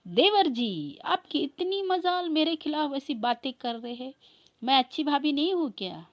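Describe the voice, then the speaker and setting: A woman voicing a bossy, quick-tempered young sister-in-law in a comic family skit, scolding and indignant. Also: fairly low pitch, dry recording, lo-fi sound.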